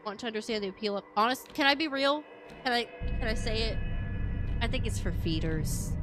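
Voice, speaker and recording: A woman streaming a game in casual chat, playful and rambling, humming and scatting to herself, with a voice she calls witchy. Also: fairly high pitch. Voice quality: self-described witchy voice. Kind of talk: casual live-stream chat while playing. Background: background music.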